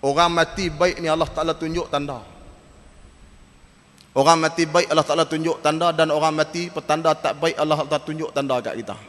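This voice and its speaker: A preacher gives a storytelling sermon and acts out the voices in his tales. His voice sits high for a man. The sound rings with the long reverb of a mosque hall. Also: a bit bright.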